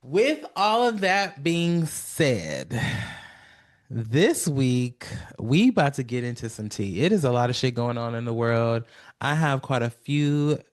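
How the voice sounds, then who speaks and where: A man hosting his own podcast alone, rambling with many fillers and long pauses, sounding tired, recorded on a phone. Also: mid-range voice, expressive, darkish tone. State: tired, yawning. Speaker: podcast host. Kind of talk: solo podcast monologue.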